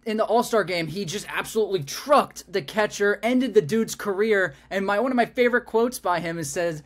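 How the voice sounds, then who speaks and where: A young man co-hosting a casual sports podcast, getting excited as he talks. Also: sits high, a little fast. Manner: excitable, builds up energy in stories. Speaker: podcast co-host.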